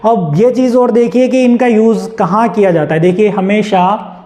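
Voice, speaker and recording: A young male teacher with a Hindi accent explains a grammar point in a high, mellow voice. He asks the class a question again and again, then answers it himself. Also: fairly even intonation, moderate pace. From India. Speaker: English teacher.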